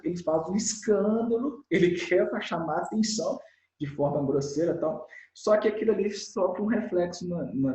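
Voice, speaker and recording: A man with a Brazilian Portuguese accent, a children's educator being interviewed, explaining in an animated way and acting out the lines of parents and children. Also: on the high side, echoey room, low-quality recording. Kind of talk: explanatory conversational talk.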